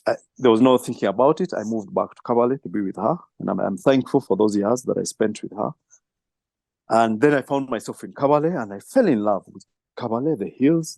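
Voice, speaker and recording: Gravelly-voiced man telling his story. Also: medium pitch, no room sound. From Kenya. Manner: reflective storytelling with soft laughs. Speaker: filmmaker and film trainer. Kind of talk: interview answers.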